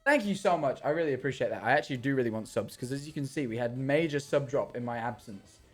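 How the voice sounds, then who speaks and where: A man's voice: mid-range voice, expressive, fast talker, faint music behind. A young man streaming a game, chatting casually, rambling, correcting himself and swearing freely. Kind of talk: casual livestream chat while gaming.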